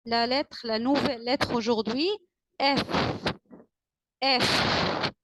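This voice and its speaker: Woman teacher, Arabic-speaking accent, very slow, drawn-out repetition, dry close sound. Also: a little high, steady tone, fairly bright tone, no room sound. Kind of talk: slow classroom alphabet lesson.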